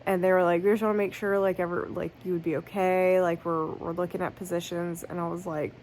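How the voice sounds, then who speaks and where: With a lowish, level, slightly mellow voice, a woman in her thirties talks about books fairly quickly. Tired and congested, she rambles in a chatty vlog, correcting herself and using fillers like "like." The lo-fi phone clip has faint background noise.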